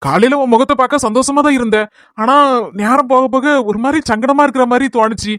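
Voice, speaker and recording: A man's voice: extremely high pitch, quick pace, fairly bright tone, no room sound, studio quality. A man playing a reassuring husband in a scripted family skit. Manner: reassuring, earnest.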